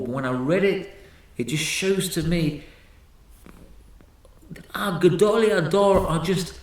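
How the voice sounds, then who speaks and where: A male rabbi telling stories in a sermon, animated, often repeating words and using Hebrew terms. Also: a little high. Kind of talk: storytelling sermon. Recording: very echoey room.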